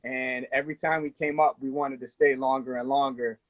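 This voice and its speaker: A man in his late thirties from the United States, a musician talking through his life story in a relaxed, rambling way, on a phone during a live video call. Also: medium pitch, brisk, no room sound. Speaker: guest musician. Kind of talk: casual interview chat. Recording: tinny phone-line audio, dry.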